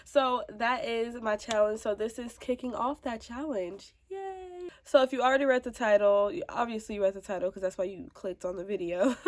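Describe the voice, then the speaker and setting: A young woman in her twenties with a fairly high voice and a stuffy, congested nose, chatting straight to camera as a mom vlogger. She talks casually and emphatically, leaning on her viewers with little asides. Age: 20s. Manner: chatty and emphatic, calls viewers child and baby. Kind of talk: casual vlog talk to camera.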